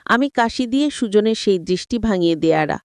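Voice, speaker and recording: A woman's voice: medium pitch, expressive, a little fast, darkish tone, no echo, studio quality. A woman narrating a first-person story and addressing her listeners directly.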